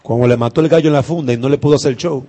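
A man preaching a sermon, impassioned, swinging from loud declarations to hushed words with emphatic pauses. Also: medium pitch.

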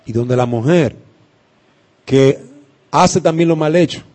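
A man preaching a sermon, impassioned, swinging from loud declarations to hushed words with emphatic pauses. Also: on the high side.

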